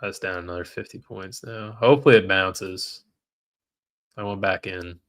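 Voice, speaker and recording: A man's voice: low voice, steady tone, moderate pace, fairly bright tone. A man trading live on a stream, reading out viewer comments and venting when trades go against him. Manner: frustrated, talks to chat while reading comments. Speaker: livestream trader.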